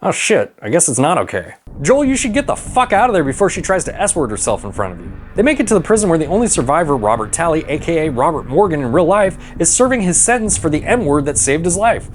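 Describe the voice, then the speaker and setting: A man's voice: on the high side, sing-song, quick pace, hardly any pauses. A man hosting a movie recap, delivering irreverent, sweary scripted comic narration with a sarcastic manner. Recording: music behind the voice. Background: background music.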